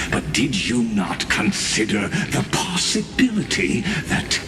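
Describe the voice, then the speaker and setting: A man playing a proud, defiant scholar in a video game, speaking in a formal, measured and lofty way. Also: low-pitched, exaggerated voice. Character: proud, defiant male scholar, coolly academic. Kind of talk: dramatic game dialogue. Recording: long hall-like reverb. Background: music.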